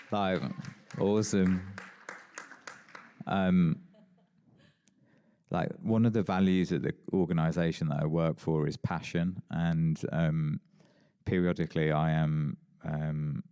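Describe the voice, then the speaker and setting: Very deep-voiced casual panel chair. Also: male voice, flat delivery, slow, long pauses, mellow, a little hiss or hum. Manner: casual, chatty, self-deprecating with many fillers. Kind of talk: moderating a panel. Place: conference hall.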